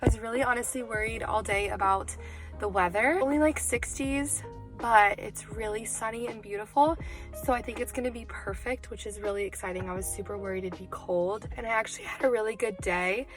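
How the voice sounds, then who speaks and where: A vlogger who also teaches, a woman in her twenties, chats candidly and casually, saying "like" a lot while her voice is still recovering from having been lost. She has a medium-pitched, brisk voice with faint music behind her.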